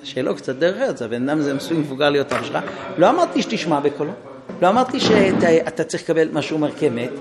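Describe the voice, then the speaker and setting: In a very noisy setting, a man whose voice runs on the high side delivers a casual parenting lecture to a group. His storytelling is lively, and he performs back-and-forth exchanges between a parent and a child.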